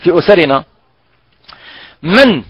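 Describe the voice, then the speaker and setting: High-voiced male tajweed teacher, dry lo-fi sound. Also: big pitch swings, fairly bright tone, breathy edge, no echo. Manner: halting, repeats and drags out sounds to demonstrate pronunciation. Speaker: Quran recitation teacher. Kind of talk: recorded online tajweed lesson.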